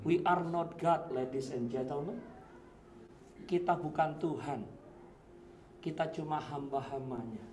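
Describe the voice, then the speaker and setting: Man, pastor, fiery sermon delivery, high voice, faint room hum. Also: measured pace, long pauses. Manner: animated, shouts at climaxes, mixes English phrases. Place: church sanctuary.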